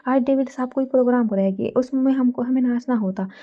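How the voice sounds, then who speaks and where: A woman's voice: sits high, fairly quick, dull audio. A woman voicing an irritated young man who grumbles dryly at his friends in a storybook reading. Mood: grumbling. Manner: dry, grumbling.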